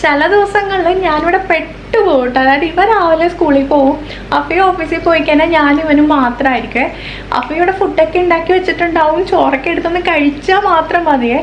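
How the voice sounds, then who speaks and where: A woman vlogger and mother chatting to the camera at home in a relaxed, chatty way. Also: very high-pitched, fairly quick, muffled recording. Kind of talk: casual chat to camera at home. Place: room at home. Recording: echoey home room with faint hiss.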